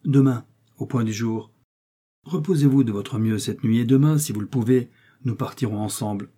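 A man's voice: medium pitch, moderate pace, warm tone, slightly rough, natural voice. A man voicing D'Artagnan, a bold, teasing young male musketeer, in a read French novel. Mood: assured.

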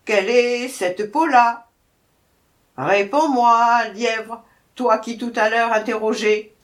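A woman's voice: on the high side, steady tone, takes it slowly. A woman voicing a furious, menacing lioness who barks orders and threats in a storybook reading. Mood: commanding. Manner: commanding, threatening, loud.

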